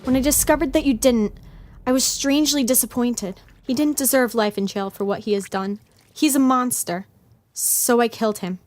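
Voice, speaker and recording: An actress with a fairly high voice performs in a motion comic as an anguished, remorseful woman who has become a killer. At a normal speed and lightly acted, her dramatic delivery is bitter, confessional and pleading.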